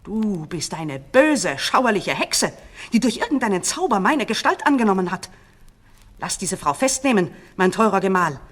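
A woman voicing a spiteful false queen, a scheming witch, in a shrill shouting manner for a storybook reading. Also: sing-song, moderate pace. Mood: accusing.

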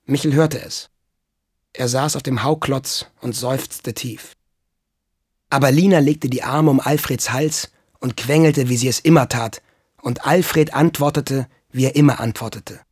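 Husky male narrator, dry close sound, children's audiobook. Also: mid-range voice, a little slow, no room sound. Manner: lively, expressive storytelling. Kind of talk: audiobook reading of a children's story.

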